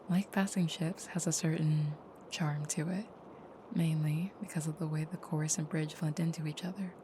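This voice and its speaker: Speaking in a low, breathy near-whisper, a woman portrays a tender vampire girlfriend in an intimate audio roleplay. Her wording is gentle and slightly formal, and there's background noise.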